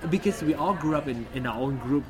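A man's voice: a little high, lively intonation, brisk, heavy background noise. A man hosting a casual podcast chat, talking hesitantly with frequent restarts. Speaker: podcast host.

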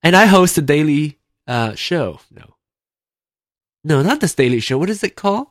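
A Malaysian-born man in his thirties hosts a casual solo podcast, rambling, correcting himself and chatting with lots of fillers. His voice is fairly high and very animated at normal speed. He uses in-ear headphones with a desk mic, and the studio-quality recording has no echo.

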